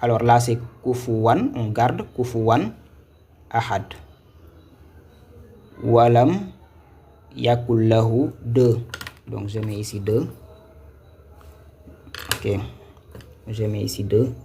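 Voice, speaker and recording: A man teaching Quran reading in a live online lesson, patiently repeating and spelling out syllables slowly. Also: on the low side, darkish tone, a little hiss or hum.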